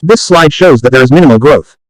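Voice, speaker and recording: A man's voice: on the high side, expressive, a little fast, dry recording, poor audio. A man dictating standalone practice sentences, reading them aloud for an English test.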